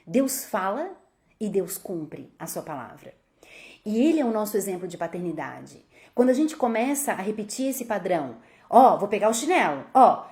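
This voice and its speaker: A pediatrician giving a talk to parents, acting out parents and children in quoted voices. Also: female voice, mid-range voice, warm tone. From Brazil.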